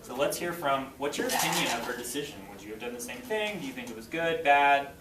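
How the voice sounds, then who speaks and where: This man teaches fifth grade, and his mid-range voice has lively intonation as he talks fast. He reads aloud to the class and gives clear step-by-step directives, checking understanding, with the roomy classroom picked up by a distant mic and faint noise.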